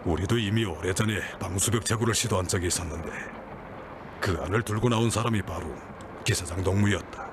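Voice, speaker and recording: An actor playing a calm, paternal mine director who speaks in a measured, reassuring way. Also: male voice, low-pitched, noisy background.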